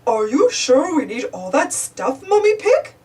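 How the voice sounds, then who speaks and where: A woman's voice: high-pitched, wildly swooping pitch, a little slow, mellow, far from the mic, exaggerated voice. A woman voicing a mild, polite father pig in a children's storybook. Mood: doubtful.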